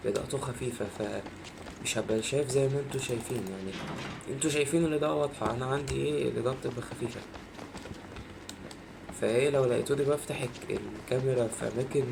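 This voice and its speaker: A man's voice: medium pitch, gravelly, background noise. A man with an Egyptian Arabic accent giving casual, chatty commentary on a horror game, often addressing his viewers. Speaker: gaming video host.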